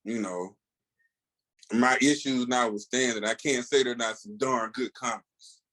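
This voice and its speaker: This comics podcast co-host has a mid-range, slightly bright voice with a steady tone and measured pace. His review talk is casual and opinionated, full of slang, emphasis and digressions.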